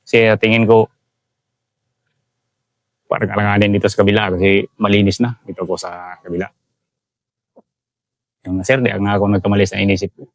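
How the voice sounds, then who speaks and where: A man's voice: fairly low pitch, steady tone, normal speed, pauses often, dry recording, clean studio sound. A Filipino man, a soldier, recounting a combat ambush in an interview, respectfully adding "sir" to nearly every phrase. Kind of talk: interview storytelling.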